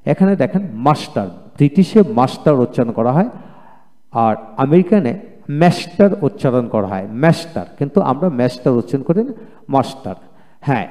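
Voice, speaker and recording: A man teaching English pronunciation in a video lecture, saying each word twice and explaining it calmly. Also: mid-range voice, in a large hall. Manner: drills each word by repeating it, calm explanatory tone.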